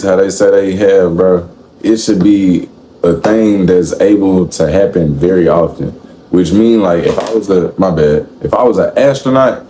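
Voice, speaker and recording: A man in his twenties, a guest on a casual podcast, talking bluntly and cursing freely. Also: on the low side. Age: 20s. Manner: blunt, profane, animated. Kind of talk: casual chat. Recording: echoey room, faint room noise.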